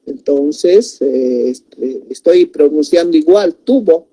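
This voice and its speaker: Slow, dark-voiced woman teaching. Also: fairly low pitch. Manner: slow and explanatory, repeats words, many tag questions. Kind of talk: spelling lesson.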